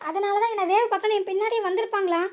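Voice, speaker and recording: Cartoon husband, boastful but jumpy, stammers under stress, very high and quick, played by a voice actor. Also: fairly even intonation. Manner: stammering, nervous. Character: boastful young husband, secretly scared of ghosts. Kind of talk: comic cartoon voice acting.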